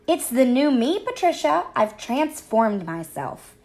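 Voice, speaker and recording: A woman voicing a vain, excitable young female hamster who gets theatrical and wails when upset, in a read-aloud storybook. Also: high voice, takes it slowly, exaggerated voice. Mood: glamorous, giddy.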